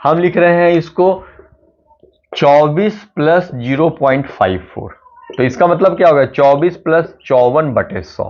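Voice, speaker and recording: A man's voice: fairly high pitch, a little slow. A man teaching a math lesson for exam preparation, explaining step by step and often checking that the class is following. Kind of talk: exam-prep math lecture. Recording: dull lo-fi recording.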